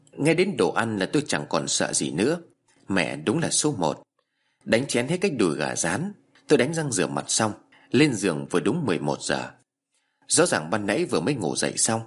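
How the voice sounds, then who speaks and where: A man's voice: lowish voice, husky. A man narrating a first-person horror story in a dramatic, tense way.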